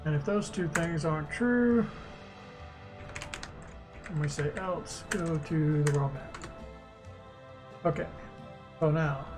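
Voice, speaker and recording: Streaming as a game developer, a man with a slightly high voice thinks aloud casually, muttering haltingly to himself while working through code. Music and keyboard typing play in the background.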